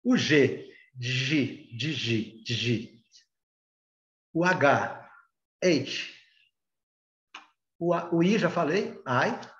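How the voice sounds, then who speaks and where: Brazilian male teacher, slightly high voice, patient but hesitant delivery, lo-fi recording. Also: animated, drawn-out words, long pauses, a bit bright, roomy sound. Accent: Brazilian Portuguese. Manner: patient, hesitant explaining with many filler sounds. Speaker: English teacher. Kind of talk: recorded beginner language lesson.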